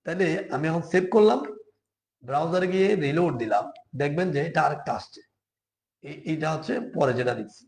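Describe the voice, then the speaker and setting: A man from Bangladesh teaching a beginner web design class, explaining slowly and patiently step by step. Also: a little high, gravelly, darkish tone, echoey room. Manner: slow, patient, step-by-step, often asks "ঠিক আছে?". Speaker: programming teacher. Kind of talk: live screen-share coding class.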